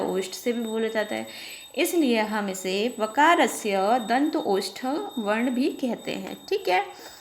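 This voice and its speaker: A woman teaching an online Sanskrit lesson, reciting the sutras slowly and drawn out and explaining them patiently. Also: fairly high pitch. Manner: explains patiently, often checking with "theek hai".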